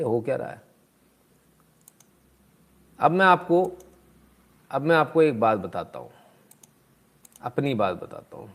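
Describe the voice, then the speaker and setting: A man's voice: mid-range voice, a little mellow. A man hosting a live stream in casual commentary, exclaiming, asking rhetorical questions and reading out viewer comments.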